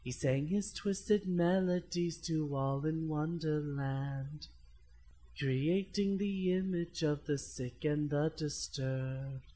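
A woman's voice: low voice, takes it slowly, warm tone. A woman playing a fragile, unhinged young man in an amateur radio play, with theatrical delivery over music. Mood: brooding. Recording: music behind the voice.

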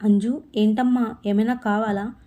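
Storybook father, middle-aged, brisk and uneasy, read by a woman, slightly higher and quicker. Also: steady tone, mellow, lightly acted. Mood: awkward. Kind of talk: storybook reading.

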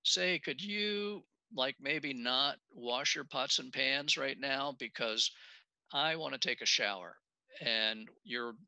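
A man's voice: medium pitch, gravelly, bright, forceful tone, smooth, no echo, heavily acted, poor audio. A man imitating a neighbor who calls to complain about water pressure. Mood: pleading. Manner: slow, pleading complaint. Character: annoyed neighbor complaining by phone.

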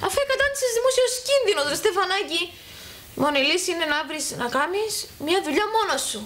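A woman with a Cypriot Greek accent playing a pushy young family member who nags and shouts. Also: very high-pitched, animated, faint music behind. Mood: nagging. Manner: nagging and loud.

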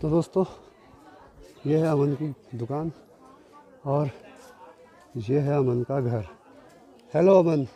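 A young vlogger from Uttarakhand, India, leads viewers on a walking tour of outdoor market streets, his slightly sore throat showing in a fairly high, mellow voice. He speaks slowly with long pauses, with chatter behind him and background music on the phone-camera recording.

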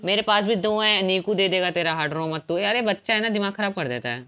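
A man streaming a multiplayer game live, chatting casually and shouting at the other players. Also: sits high, fast, clean tone. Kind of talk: casual gaming livestream chat.

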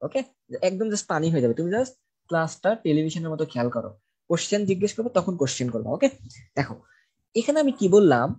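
Male tutor, dark mellow tone, patient drilling style, asks and answers his own questions. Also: fairly high pitch, very animated, quick pace, slightly rough. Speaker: chemistry tutor. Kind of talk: online class lecture.

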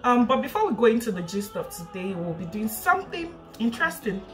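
A young Nigerian woman hosts her channel in a living room, chatting casually and laughing often while a camera records her from a short distance. Her voice sits a little high and sounds very animated, she talks fairly quickly, and music plays in the background.

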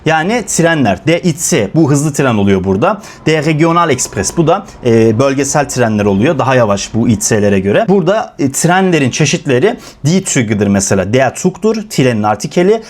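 A man's voice: medium pitch, fairly quick, hardly any pauses. A young man teaching German grammar, listing examples one by one with many filler sounds. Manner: lively, repeats examples, fillers "e". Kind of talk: explaining grammar lesson in Turkish.

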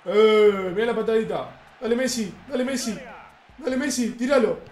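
Brief: Argentine male gaming streamer, very high voice, loud excitable play-by-play, echoey room with game music underneath. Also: moderate pace. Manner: loud cheering, yelling at the referee. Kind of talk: excited live gameplay commentary.

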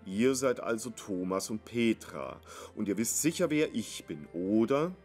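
A man voicing a young male student dressed as Santa, who scolds the family in a deep, stern, schoolmasterly tone. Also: animated, unhurried, a little mellow, faint music behind.

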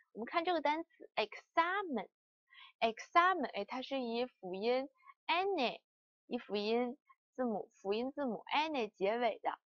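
A woman language teacher giving a lesson, repeating each word slowly for students to follow. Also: fairly high pitch, dry recording, muffled recording. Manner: slow, repeated word drills.

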